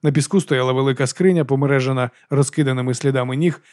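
A man narrating an audiobook in a steady, even storytelling manner. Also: medium pitch, fast, no room sound, clean studio sound. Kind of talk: scripted narration.

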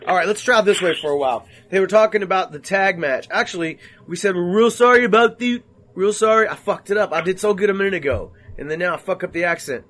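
A man's voice: high-pitched, quick pace, hardly any pauses, a bit bright. A man hosting a casual wrestling podcast, laid-back and swearing freely. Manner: laid-back, swears casually, apologetic about tech trouble. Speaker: podcast host.

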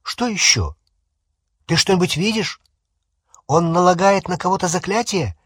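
A man's voice: mid-range voice, lively intonation, normal speed, breathy edge, no echo. A man doing a wry teenage wizard boy. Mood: uneasy. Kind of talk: audiobook character voice.

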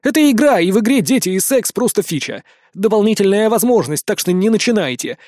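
A man's voice: high voice, lively intonation, fairly quick, a little mellow, no room sound, studio quality, voice pushed up. Man playing a blunt, slangy gamer friend. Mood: lecturing. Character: brash, laid-back male gamer friend.

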